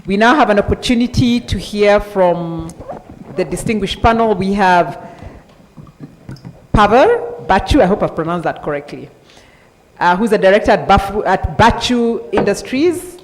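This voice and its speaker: A woman's voice: mid-range voice, expressive, unhurried, a little hiss or hum. A woman, emceeing a conference and introducing panelists, drawing out names and key words in an upbeat way. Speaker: event emcee. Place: large indoor conference hall. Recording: reverberant conference hall PA.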